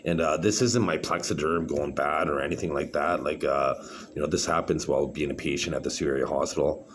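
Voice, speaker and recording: Talking to camera on his own, a very deep-voiced male vlogger stumbles through a meandering monologue, restarting often and leaning on filler words. Background noise can be heard clearly in the recording.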